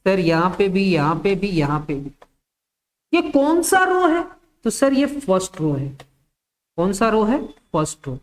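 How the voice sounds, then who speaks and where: A woman teaching a maths class at an unhurried, deliberate pace. She works through the material one step at a time, asking the class short questions and then giving the answers herself. She repeats each key term so that it sticks. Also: mid-range voice, very animated. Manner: slow, step-by-step dictation.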